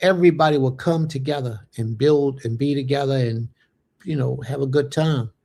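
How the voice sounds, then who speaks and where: Medium in pitch and dark in tone, his voice carries vocal fry at a moderate pace. The late-thirties man runs a religious fellowship livestream, reading out viewer comments and replying in easygoing chat peppered with Hebrew blessings.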